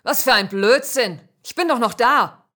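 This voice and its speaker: A woman voicing the ghost of a man killed in a motorcycle crash, snappish at first and later quietly remorseful, in a spoken ghost story. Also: sits low, moderate pace, slightly rough. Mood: angry. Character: dead male biker ghost, gruff, then humbled.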